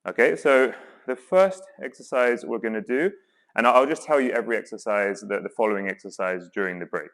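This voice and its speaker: A man's voice: on the low side, fairly quick, fairly bright tone. Male workout coach, encouraging and instructional. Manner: encouraging, reassuring coaching with counts. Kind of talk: guided exercise instruction. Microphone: worn mic while exercising.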